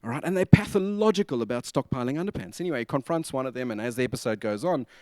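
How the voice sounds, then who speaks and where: A man's voice: mid-range voice, lively intonation, rapid-fire, darkish tone, no room sound. Guy doing a casual conference talk, mid voice, dry close sound, jokey asides, keeps asking the crowd. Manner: chatty, asks audience for nods, jokey asides. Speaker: conference speaker. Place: conference venue.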